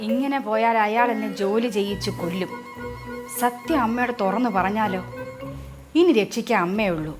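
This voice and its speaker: A woman's voice: medium pitch, normal speed, close to an everyday voice. An actress playing a young wife who protests and mutters complaints under her breath in a TV sitcom. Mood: fretful. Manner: whiny protests and muttered asides. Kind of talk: TV sitcom acting. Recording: loud music and audience laughter behind.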